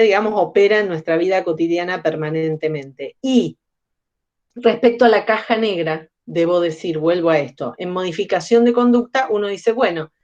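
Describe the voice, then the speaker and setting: A woman giving a psychology lecture, explaining step by step and asking the class questions. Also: on the low side. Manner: explanatory, asks the audience questions. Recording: slightly dull lo-fi sound.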